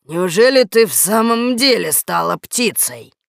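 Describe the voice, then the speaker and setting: A woman voicing a gruff, angry male bear in a storybook reading, roaring her lines. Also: medium pitch, lively intonation, unhurried, no echo, clean studio sound. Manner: roaring, indignant shouts.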